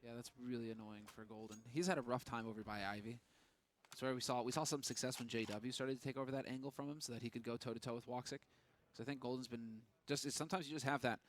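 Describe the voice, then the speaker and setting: A man's voice: medium pitch, fairly even intonation, quick pace. A man working as an esports caster, giving urgent, running play-by-play commentary on a live match. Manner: running, urgent narration of the action.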